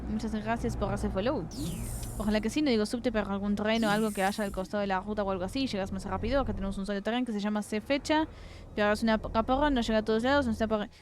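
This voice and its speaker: A woman streamer with a Rioplatense accent giving casual gameplay commentary, reading game text aloud and swearing in excited outbursts. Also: mid-range voice, fast, a little hiss or hum. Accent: Rioplatense Spanish.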